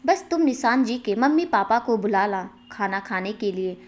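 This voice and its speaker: A woman's voice: medium pitch, expressive, moderate pace, natural voice. A woman voicing a caring elder sister in a read-aloud storybook, speaking in a soothing, fondly scolding way. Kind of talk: storybook character reading.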